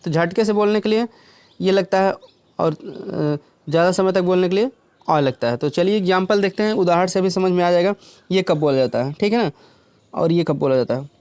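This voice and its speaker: Male teacher, high and clear voice, patient step-by-step explaining, dry room. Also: moderate pace, darkish tone, no room sound. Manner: explains step by step, often checks with "clear?" and "theek hai". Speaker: English teacher. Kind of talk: classroom lesson.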